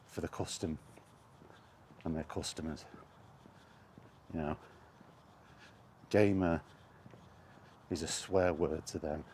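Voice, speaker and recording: Out on a walk, a man who vlogs about gaming rants with indignation in a loose, casual way. He has a low-pitched, darkish voice, and a bit of background noise comes through.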